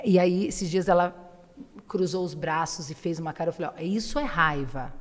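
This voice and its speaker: Chatty woman psychologist in a reverberant room. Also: lowish voice. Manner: animated storytelling, acting out dialogue with her kids. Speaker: psychologist guest. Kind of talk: casual conversation.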